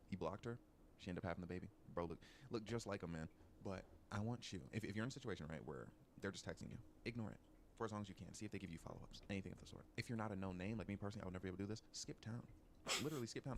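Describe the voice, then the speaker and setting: Fast-talking man with a very deep voice. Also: a little hiss or hum. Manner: mock-advice delivery with dramatic asides. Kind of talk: joking casual chat.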